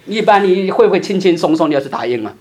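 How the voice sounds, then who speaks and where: A middle-aged male pastor preaching a sermon, swinging between loud emphasis and soft, hushed asides. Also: sits high, lively intonation, quick pace.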